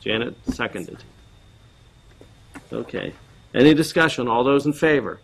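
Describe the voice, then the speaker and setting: A man's voice: medium pitch, expressive, measured pace, creaky, slightly rough, low-quality recording. A man chairing a board meeting, running through agenda items in a procedural way with frequent ums.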